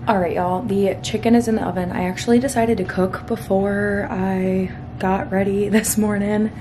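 A woman's voice: medium pitch, little pitch movement, moderate pace, over loud music. A young adult woman vlogging from home in a rambling casual chat, often saying "like". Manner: chatty and rambling, fond of saying "like".

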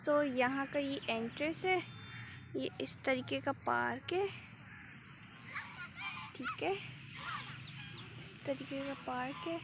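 A woman with a hoarse throat, chatting casually on a walking vlog in a park. She mixes English words into her talk and sounds a little shy. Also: high voice. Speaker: vlogger. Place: outdoor city park. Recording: noisy outdoor phone recording. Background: open-air park ambience.

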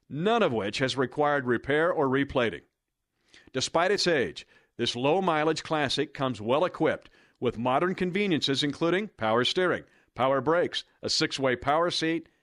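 A man's voice: on the high side, a bit bright, dry recording, clean studio sound. A man reading an enthusiastic scripted promo voice-over in an announcer's delivery. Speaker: promo narrator.

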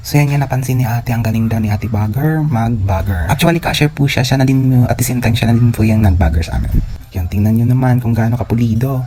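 A man's voice: medium pitch, fast talker, dark tone. A man narrating a grocery vlog in a joking, self-mocking way, laughing often. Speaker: vlogger. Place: indoors at a grocery store.

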